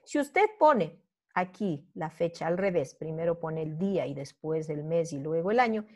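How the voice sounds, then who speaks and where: With a warm, low-pitched voice, a middle-aged woman teaching an online class goes through review material step by step at a moderate pace. She's expressive and patient, regularly checking that her students are keeping up.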